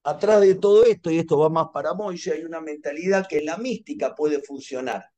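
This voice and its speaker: Argentine man teaching, dark soft voice. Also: a little high, fairly quick. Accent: Argentine Spanish. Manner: animated storytelling, repeats phrases for emphasis. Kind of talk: class over a video call. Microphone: video call.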